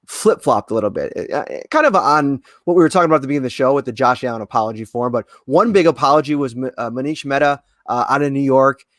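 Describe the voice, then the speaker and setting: A man's voice: mid-range voice, dry recording, clean studio sound. A man co-hosting a casual sports talk show, chatty and full of fillers and restarts. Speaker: podcast co-host.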